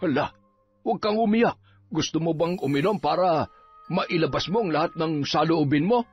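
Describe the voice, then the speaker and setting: A man voicing a grumbling, teasing middle-aged village folk healer, gruff and nagging with comic moments. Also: on the high side, expressive, moderate pace. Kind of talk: Filipino audio drama acting. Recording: dull lo-fi with faint music.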